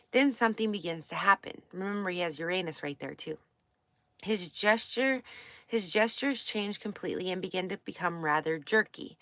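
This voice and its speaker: Speaking in a lowish, slightly bright voice with no room sound, a woman with a faint Pacific Northwest accent teaches astrology casually. She reads passages from a book and rambles through remarks laced with fillers and self-corrections.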